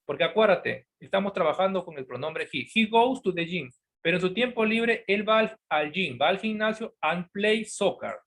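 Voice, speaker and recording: A man teaching an English lesson, reading phrases slowly and then asking and answering his own questions. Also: sits high, animated, a bit bright. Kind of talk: explaining a lesson.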